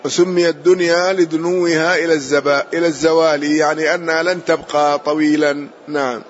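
This is a male teacher with a fairly high, flat voice giving a classical text lesson line by line. He moves methodically, repeating and rephrasing for clarity and closing each point with a brief affirmation, on a muffled lo-fi recording with faint hiss.

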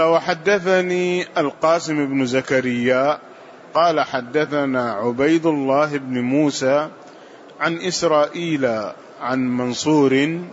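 A man's slightly high voice reads classical religious text in a steady, formal cadence. The recording sounds dull and lo-fi, with a faint hiss underneath. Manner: measured, formal reading with chains of narrators. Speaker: student reading hadith text aloud. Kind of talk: recitation of classical hadith text.

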